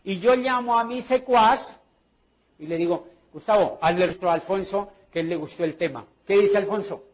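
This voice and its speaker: Husky high-voiced Colombian man. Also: normal speed, lo-fi sound. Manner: lively storyteller acting out his dialogues. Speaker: sales trainer. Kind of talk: training talk with anecdotes.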